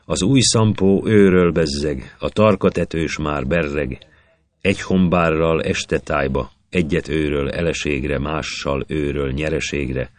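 A man's voice: rumbling low, no echo. A man voicing a weary, homesick master smith who speaks in earnest verse.

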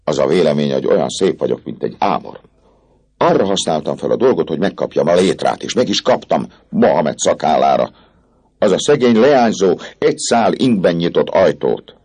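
A man reading aloud and voicing a cocky, boastful young male student who exclaims excitedly. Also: low voice, breathy edge, pitched above the performer's own voice, heavily acted.

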